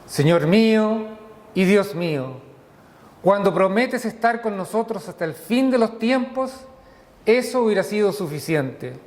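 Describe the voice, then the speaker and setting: Guy leading church prayers, kinda high voice, slow and solemn, big cathedral echo all around. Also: lively intonation, a little mellow. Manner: solemn, measured prayer reading. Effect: cathedral echo, long reverb. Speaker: minister leading worship. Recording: long echoey hall reverb.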